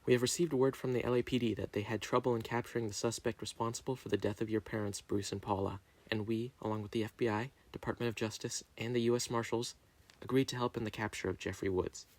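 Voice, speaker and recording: A man voicing a formal, persuasive male government agent in a story reading, measured and official. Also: mid-range voice, fairly even intonation, a little mellow, close to an everyday voice. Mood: grave, persuasive.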